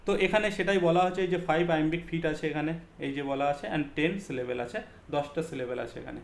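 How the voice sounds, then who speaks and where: A man's voice: fairly high pitch, fairly quick, creaky, a little hiss or hum. A man teaching an exam-focused poetry lesson, explaining step by step, mixing in English terms and checking that students follow. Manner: mixes English terms into speech, frequent fillers. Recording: echoey room.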